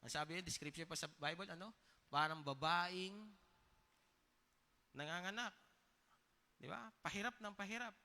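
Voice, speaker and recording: A man's voice: a little high, sharp tone. A man preaching a sermon as pastor, telling personal stories in a conversational tone and often checking in with the congregation through short questions. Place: church hall. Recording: long reverb of a church hall.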